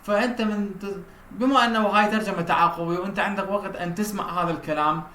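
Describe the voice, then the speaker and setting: A man's voice: sits high, fairly even intonation, pushed and bright. Man lecturing in an echoey room. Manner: reads English headings slowly, explains quickly in Arabic. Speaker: university lecturer. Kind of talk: recorded lecture.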